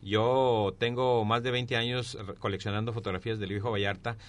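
Speaking at a moderate pace with fairly low pitch and fairly even intonation, a middle-aged man with a Mexican accent is interviewed as a candidate for mayor. A former newspaper columnist, he delivers his campaign pitch emphatically, repeating key phrases for weight.

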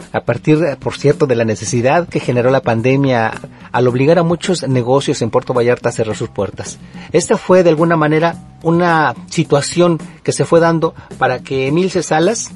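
A man's voice: mid-range voice, darkish tone. Formal man hosting a show. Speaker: radio show host. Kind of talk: broadcast interview and commentary.

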